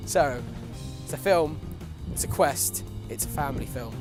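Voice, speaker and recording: A man's voice: a little high, a little slow, darkish tone. A young man chatting casually to camera as a vlog co-host, rambling and repeating himself, outdoors in the wind. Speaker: film review vlog co-host. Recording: windy outdoor recording with music. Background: wind and music.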